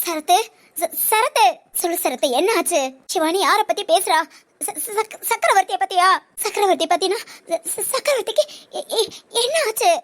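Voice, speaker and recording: A woman's voice: extremely high pitch, normal speed, pitched below the performer's own voice. A woman voicing a stammering, tearful older teacher. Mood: panicked.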